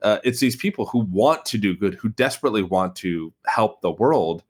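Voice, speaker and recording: A man's voice: lowish voice, lively intonation, moderate pace, slightly rough. A man with an American West Coast accent co-hosting a podcast, talking casually about a film with lots of fillers and restarts. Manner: rambling, many fillers and restarts. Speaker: podcast co-host.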